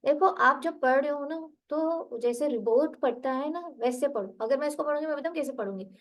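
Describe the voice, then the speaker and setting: A woman's voice: high voice, a little fast, poor audio. A woman tutoring a student one-on-one for a spoken English test, patiently correcting word stress and reading. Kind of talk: online tutoring session.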